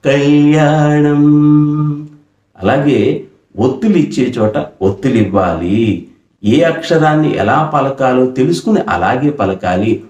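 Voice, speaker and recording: A middle-aged man from Andhra Pradesh gives a patient, earnest pronunciation lesson for singers. He explains each point carefully and breaks into short sung examples. His mid-pitched voice sits in a roomy, echoing space. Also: lively intonation, measured pace, a little mellow. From Andhra Pradesh, India. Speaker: music teacher. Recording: roomy echo.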